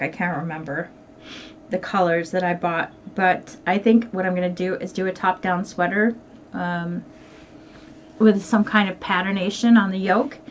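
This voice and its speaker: A woman's voice: mid-range voice, distant mic, a little hiss or hum. An older woman chatting casually as she shows off her finished crafts, rambling a little and laughing often. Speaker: crafting vlogger. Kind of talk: casual show-and-tell chat.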